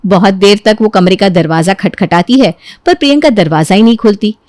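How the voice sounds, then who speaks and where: A woman narrating a family story in an even, explanatory way. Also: medium pitch, a little fast, dry recording, studio quality.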